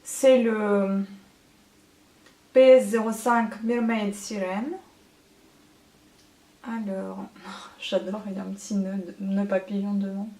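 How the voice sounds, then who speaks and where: A woman's voice: mid-range voice, level tone, slow pace, pauses often, dark tone. Woman beauty vlogger, casual haul chat, hesitant fillers, echoey room. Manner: chatty, many hesitant fillers.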